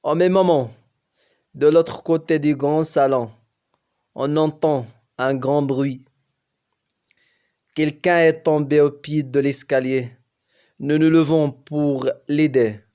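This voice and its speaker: A man who teaches French, reading a novel aloud slowly and carefully. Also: medium pitch, steady tone, dark tone, clean tone. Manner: slow, careful storybook reading.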